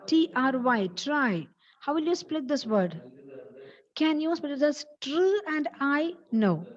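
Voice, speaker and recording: A woman with a Malayali accent giving an online English lecture, patiently explaining each point and repeating example words while mixing English and Malayalam. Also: high voice. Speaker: college English teacher. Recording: dull lo-fi audio.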